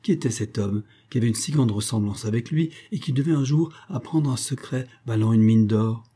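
A man reading a Victorian novel aloud as an audiobook narrator, in a measured, even storytelling manner. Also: mid-range voice, slightly rough.

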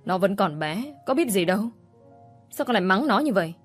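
A woman's voice: medium pitch, sing-song, fairly quick, faint music behind. A woman reading the lines of a tearful elderly mother, anxious and pleading. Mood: worried. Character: worried tearful old mother.

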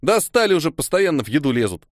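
Brief: excitable chatterbox boy, bright and high, as a man voices him; keep it lively, dry close read. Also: fast talker, no room sound. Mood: excited. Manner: eager, exclaiming, high-pitched. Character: excitable clumsy rich boy, talkative. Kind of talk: audiobook character voice.

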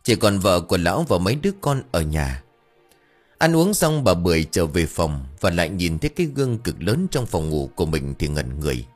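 A man narrating a ghost story audiobook with lively storytelling, voicing all the characters himself. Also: low-pitched, a little fast, faint music behind. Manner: animated storytelling, voices every character himself.

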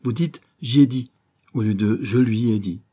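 A gentle, refined young woman from a classic novel read aloud, patient and kindly corrective, as a man lifts his husky, mellow voice for her. Her tone stays earnest and composed. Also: mid-range voice, moderate pace, natural voice. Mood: correcting.

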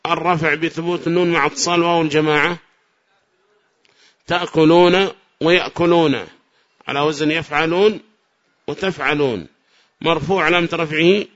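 A man teaches a grammar lesson, praising his students' answers and calling on them with questions. His voice sits a little high and sounds bright. The recording is muffled and lo-fi. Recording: dull lo-fi recording.

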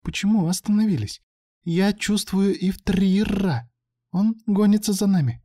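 A woman's voice: fairly low pitch, lively intonation, slow pace, dark tone, voice pushed up. A man voicing an uneasy young woman who warns that they are being pursued. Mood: anxious.

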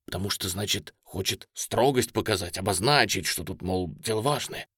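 A man narrating a novel in the first person with animated, expressive storytelling. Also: sits low, moderate pace, breathy edge, no echo, clean studio sound. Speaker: audiobook narrator.

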